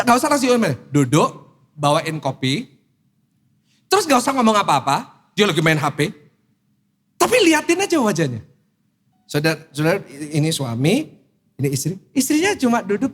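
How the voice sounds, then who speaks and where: Lively, joking pastor. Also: male voice, on the high side, normal speed, long pauses, slightly rough. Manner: humorous, animated, teasing the congregation. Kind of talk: sermon. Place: church service.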